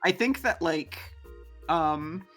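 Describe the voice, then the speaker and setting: Role: co-streamer. Style: casual gaming chat. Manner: rambling and easygoing, with a bright, forceful tone. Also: mid-range voice, expressive, slow pace, soft background music. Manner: rambling, many fillers and restarts, laughs easily, casual swearing. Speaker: co-streamer, guest.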